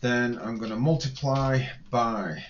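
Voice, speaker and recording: A man's voice: medium pitch, unhurried, lo-fi sound, slight background noise. A man teaching an engineering calculation in a spreadsheet, thinking aloud and correcting himself as he goes. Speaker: engineering lecturer. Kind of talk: screen-recorded spreadsheet tutorial.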